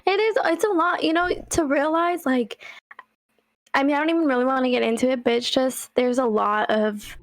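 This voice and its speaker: A young woman co-hosting a casual podcast, telling stories in a chatty, animated way with lots of fillers. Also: high-pitched, moderate pace, dry recording, poor audio. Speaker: podcast co-host. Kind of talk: casual chat.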